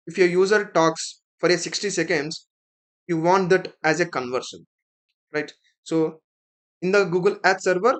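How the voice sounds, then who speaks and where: A man with an Indian accent and a somewhat high voice works through a screen tutorial, explaining each step as an instructor would. He regularly checks that the listener follows, ending points with small tags like "right?" and "okay".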